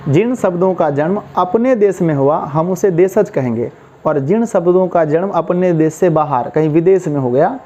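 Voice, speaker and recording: High-voiced man drilling a grammar class. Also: mellow. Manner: drills students with call-and-response repetition; casual, asks rhetorical questions and answers them. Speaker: Hindi grammar teacher. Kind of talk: online class lecture. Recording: dull lo-fi recording.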